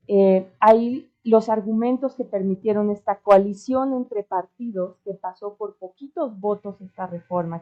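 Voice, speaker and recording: A woman from Mexico speaking earnestly at an academic panel, with ironic asides and frequent tag questions. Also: mid-range voice. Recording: dull lo-fi recording.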